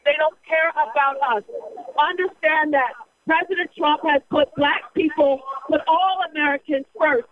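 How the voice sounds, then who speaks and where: A woman's voice: high voice, normal speed, a little hiss or hum. A woman giving an impassioned political speech outdoors at a street rally, emphatic and repetitive, firing rhetorical questions at her listeners. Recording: dull lo-fi recording.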